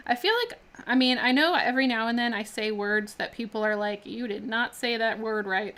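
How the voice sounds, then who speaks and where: A woman chats casually while building miniatures on a live stream, laughing often and talking with lots of fillers and restarts. Her voice is on the high side and a bit bright, at a normal speed.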